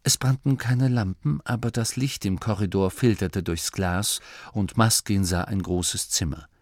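A man reading a fantasy audiobook as narrator in an expressive storytelling manner. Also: fairly low pitch, unhurried, no echo. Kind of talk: scripted narration.

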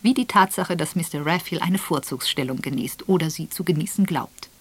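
A woman voicing a shrewd old lady who answers calmly and politely. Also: deep voice, brisk, slightly rough. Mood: calm, dry.

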